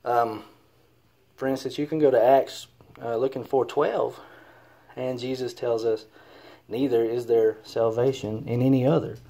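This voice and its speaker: A man's voice: mid-range voice, fairly even intonation, a little slow, mellow. A man with a Southern US accent talking casually to camera, hesitant and earnest with many ums and uhs.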